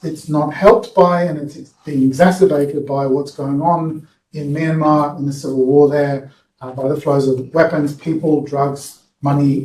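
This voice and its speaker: A man's voice: on the high side, dark tone, slight background noise. A man, a professor, answering audience questions at a public talk in a conversational way, often adding "you know" and "right?". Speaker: guest speaker, professor. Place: lecture hall at a public event. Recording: roomy hall, picked up from a distance.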